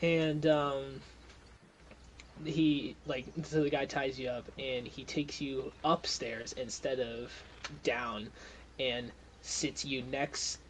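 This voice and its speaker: A man's voice: mid-range voice, fairly even intonation, slow, slight background noise, low-quality recording. A young man narrating as game master in a casual, rambling way with frequent laughter.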